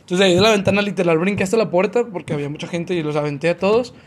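Young Mexican man, rapid high-pitched storyteller, slangy, faint noise behind. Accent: Mexican Spanish. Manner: fast, slangy, makes sound effects and voices. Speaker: podcast co-host telling a story. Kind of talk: casual chat, storytelling.

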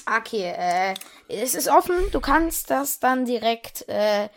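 A woman playing a fussy schoolteacher who keeps stumbling over um and uh in a comedy role-play. Her voice sits a bit high. She sounds stern but muddled. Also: animated, slow pace, creaky, heavily acted. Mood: flustered, stern. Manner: hesitant, lots of um and uh.

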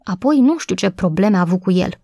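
A woman's voice: mid-range voice, lively intonation, gravelly, warm tone, no room sound. Woman narrating a storybook, dry sound. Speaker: audiobook narrator.

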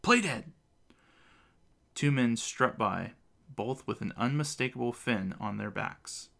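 A man narrating a fantasy story for an audiobook, telling it in an even way. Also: medium pitch, a little slow, creaky.

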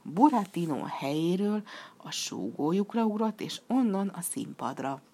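A woman narrates a children's tale in a steady, expressive reading. Her voice is low and even. She paces the story calmly between the characters' lines.

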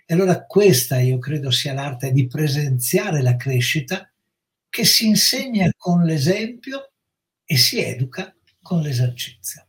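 Measured Italian-speaking male psychologist. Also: fairly high pitch, lively intonation. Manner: measured, explanatory. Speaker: psychologist guest. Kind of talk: reflective educational talk.

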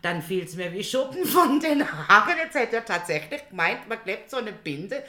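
A woman's voice: mid-range voice, sing-song, normal speed, sharp tone. Casual podcast co-host, woman, rambling anecdotal delivery, roomy sound. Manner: chatty, ends remarks with "oder?". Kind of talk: casual chat, telling anecdotes. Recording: roomy echo.

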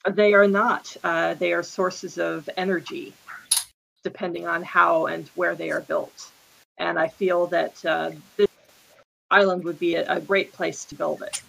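A woman's voice: fairly low pitch, fairly even intonation, unhurried, vocal fry, fairly bright tone, slight background noise, poor audio. A woman playing a tabletop game, speaking in character in an earnest, hesitant way with many fillers. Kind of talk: in-character role-play.

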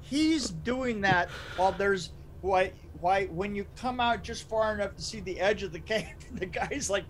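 A man's voice: high-pitched, measured pace, few pauses, slight background noise, low-quality recording. A man co-hosting a podcast, rambling through casual movie talk with stammers and laughs. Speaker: podcast co-host. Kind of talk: casual chat reviewing a movie.

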